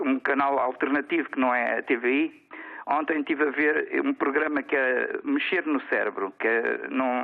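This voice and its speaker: Portuguese male caller, halting delivery, raspy-gravelly bright tone, heard through a garbled underwater-sounding lo-fi phone line. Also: mid-range voice. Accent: European Portuguese. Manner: halting, with many fillers and restarts. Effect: muffled, garbled phone line that sounds like talking underwater. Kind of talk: casual call-in comment on a TV talk show.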